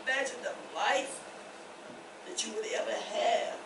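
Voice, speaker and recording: An older woman pastor preaching a testimony sermon, rising to shouts and laughing. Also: a little high, a little slow, vocal fry, noisy background. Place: church. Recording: echoey church from far off.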